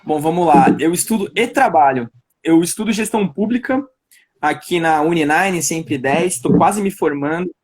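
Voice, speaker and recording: A man's voice: a little high, normal speed, slightly rough. A young man with a São Paulo accent, a guest chatting casually in a live-stream interview over a video call, laughing often and trailing off into restarts. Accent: Paulistano Brazilian Portuguese. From Brazil, São Paulo. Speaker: guest, political pre-candidate.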